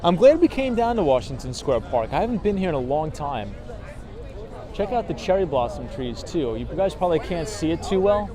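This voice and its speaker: Losing his voice and audibly hoarse, a very animated man with a rather high voice chats a little fast about markets and sights as he walks city streets and a park. He reads out viewer comments, leaning on fillers and "right?" tags. Traffic and a crowd can be heard in the background.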